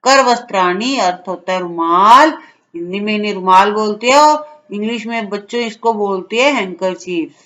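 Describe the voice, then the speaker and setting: A woman teaching a school lesson, addressing the children and slowly repeating each word. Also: medium pitch, sharp tone, highs cut off. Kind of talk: slow school lesson explaining word meanings.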